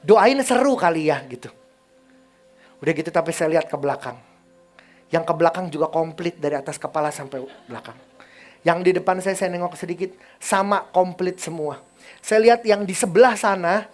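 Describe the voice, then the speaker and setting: A man's voice: sits high, animated, fairly quick, soft background music. A male pastor telling a story in a sermon, chatty and often putting questions to the congregation.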